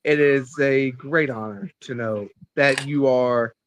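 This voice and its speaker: A man hosting a casual live stream, talking in a halting way with many fillers and restarts. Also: mid-range voice, slight background noise. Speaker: streamer host.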